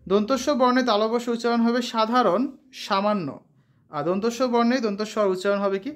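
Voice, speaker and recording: A woman's voice: mid-range voice, steady tone, a little fast. Woman teacher reading out example words. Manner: explains step by step, asks questions and answers them herself; often checks understanding with a rising question. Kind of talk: classroom lesson on letter pronunciation.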